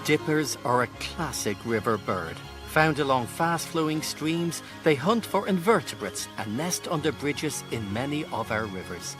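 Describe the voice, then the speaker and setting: A man's voice: medium pitch, very animated, a little slow, hardly any pauses. A man reading a scripted narration for a wildlife guide. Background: music.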